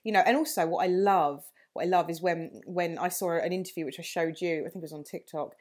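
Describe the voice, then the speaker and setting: A woman's voice: on the low side, fast talker, a little mellow. A woman co-hosting a podcast in casual, frank conversation, telling personal stories expressively. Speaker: podcast co-host.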